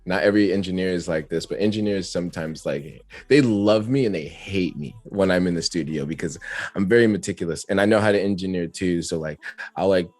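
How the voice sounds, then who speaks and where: A man's voice: sits low, a little fast, a little mellow, no room sound, faint music behind. A man, a rapper, chatting as an interview guest, talkative and reflective and laughing often. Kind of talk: casual interview chat.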